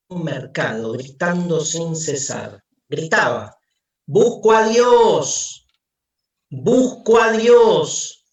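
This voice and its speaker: A man speaking on a video call from away from home, giving a slow, theatrical reading full of sweeping rhetorical questions. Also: a little high, a bit bright. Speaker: philosophy lecturer. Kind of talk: dramatic reading in an online talk. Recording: echoey, distant video call audio.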